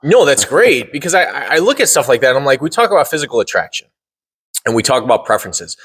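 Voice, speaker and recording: A man's voice: mid-range voice, big pitch swings, quick pace, fairly bright tone, husky. A man co-hosting a podcast in a casual debate chat, blunt and emphatic, swearing for emphasis. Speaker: podcast co-host.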